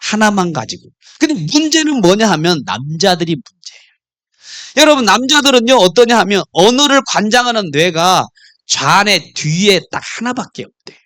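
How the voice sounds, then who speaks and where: A man preaching a sermon as pastor, telling stories in an animated way and acting out couples' quarrels. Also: high voice, dry recording, clean studio sound.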